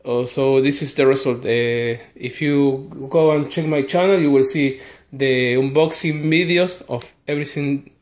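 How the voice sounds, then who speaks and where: This Argentine collector has a medium-pitched voice and Spanish as his native tongue, talking casually to the camera from a small, echoey bedroom. Hesitant and a bit sorry-sounding, he names each title of his haul in turn, his accent clearly Argentine Spanish.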